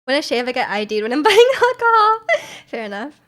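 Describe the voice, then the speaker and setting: A woman in her twenties chatting casually on a stream, reading out viewer messages and answering them. Her voice sits high, and she laughs easily and often. The talk is loose and chatty, full of playful asides. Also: very animated, brisk, a bit bright. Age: 20s.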